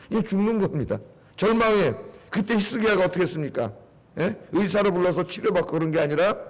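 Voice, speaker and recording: A male pastor preaching a dawn sermon, fervently, asking the congregation questions and slowing down to quote scripture. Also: high-pitched.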